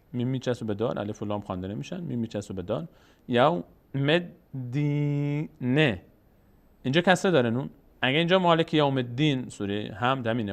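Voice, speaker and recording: Male recitation teacher, patient step-by-step lesson, stretches out example words. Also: mid-range voice. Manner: patient, asks and answers his own questions, draws out example words slowly.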